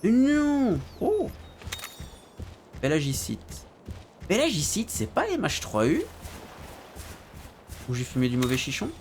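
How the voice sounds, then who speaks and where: A man streaming a game, chatting casually with his viewers in slangy, relaxed talk. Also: on the high side, moderate pace, pauses often, slight background noise. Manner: laid-back, slangy, talks to chat by name.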